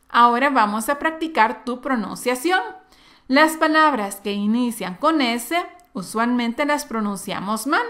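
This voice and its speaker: Slow, high-voiced woman teaching English. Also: sharp tone. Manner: drills words slowly and repeats each phrase twice. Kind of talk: slow, clear bilingual English lesson.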